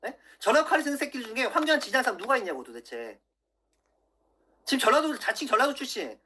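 Swearing and furious, this man in his thirties lectures his livestream audience, constantly tossing in "예?" as a political YouTuber mid-rant. He speaks rapid-fire in a very high, bright, forceful voice that swings wildly in pitch.

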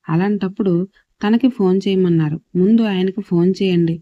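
A woman's voice: medium pitch, moderate pace, no room sound, close to an everyday voice. A woman narrator voicing a flustered, respectful housemaid, on a dull lo-fi recording.

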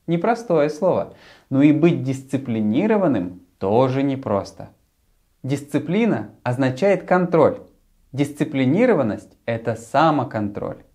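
A man in his thirties presenting to a young child as a children's show host, speaking in a friendly, simple and deliberate way into a lapel mic. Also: medium pitch, warm tone. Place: small furnished room, later a martial arts hall.

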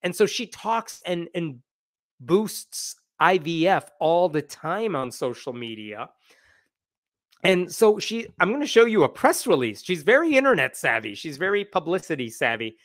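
Male host in his forties, casual livestream commentary, sarcastic and animated, dry small room. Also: a little high, measured pace, dry recording. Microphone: wired earbuds with dangling mic and desk mic.

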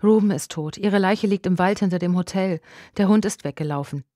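A woman narrator voicing a terse, calm grown man in an audiobook, speaking in clipped, commanding, steadying lines. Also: on the low side, moderate pace, no room sound, clean studio sound, natural voice. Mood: calm, firm.

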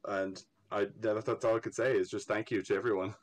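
A young artist guest from Ireland talks briskly in a lowish voice with fairly even intonation. His Irish accent is slightly Americanized, and his casual interview chat rambles along with stammers and frequent laughter.

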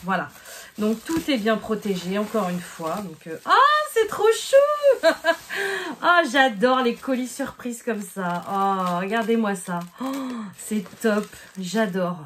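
A woman's voice: medium pitch, unhurried. A woman in her thirties unboxing gifts in a casual vlog, gushing with delight and thanking people over and over. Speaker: vlogger unboxing gifts from subscribers. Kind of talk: casual chat.

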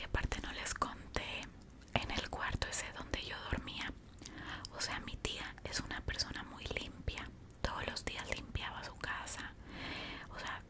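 Whispering Mexican woman chewing gum. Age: young adult. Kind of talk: whispered ASMR storytime, casual. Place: small indoor room. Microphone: large desktop microphone up close.

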